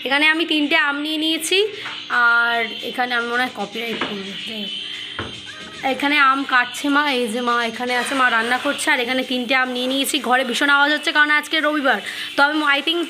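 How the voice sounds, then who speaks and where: Hoarse young woman narrating her day. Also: sits high, background noise. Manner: chatty, recounting her day. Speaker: vlogger. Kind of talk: casual vlog voice-over.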